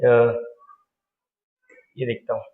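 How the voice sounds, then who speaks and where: A man's voice: mid-range voice, monotone, extremely slow. A male engineering maths teacher giving a recorded online lecture and mixing in terms, coaxing students with questions he answers himself. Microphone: screen recording with digital board. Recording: echoey room, dull lo-fi audio.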